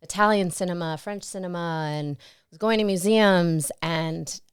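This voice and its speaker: Smooth-voiced woman telling her story. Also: fairly low pitch, unhurried, no room sound, studio quality. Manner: reflective, storytelling, laughs often. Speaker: interview guest, stunt performer and actress. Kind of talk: casual interview conversation.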